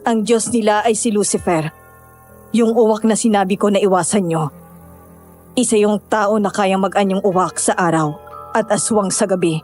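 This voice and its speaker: In a horror audio drama, a woman plays a solemn villager who knows more than she lets on, explaining things and issuing warnings. Her mid-range voice is slightly mellow and close to an everyday sound, delivered at normal speed over soft background music.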